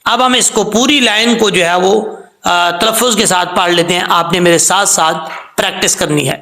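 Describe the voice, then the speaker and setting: Male tajweed teacher, patient and step by step, high gravelly voice, chants the verses slowly. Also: sharp tone, echoey room. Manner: patient, explains step by step and checks understanding; draws out words slowly, with melodic chanting when reciting. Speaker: Quran recitation teacher. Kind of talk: tajweed lesson.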